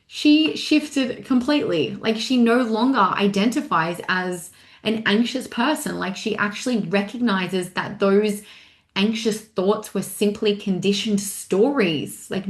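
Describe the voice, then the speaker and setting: A young adult woman coaching in a casual, animated way, with lots of fillers like "like" and "right". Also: medium pitch. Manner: casual, filler-heavy with frequent "like", animated retelling. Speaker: mindset coach. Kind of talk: motivational talk. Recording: echoey room.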